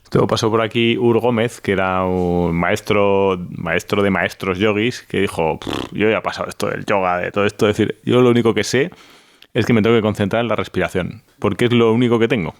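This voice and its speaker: A man's voice: fairly low pitch, steady tone, a little fast, creaky. A man hosting a podcast interview, curious, asking short follow-up questions. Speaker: podcast host. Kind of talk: conversational interviewing.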